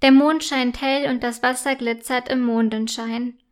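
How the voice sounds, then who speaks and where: Role: gentle children's storyteller, woman. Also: fairly high pitch, steady tone, measured pace, smooth. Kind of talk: reading a children's story aloud.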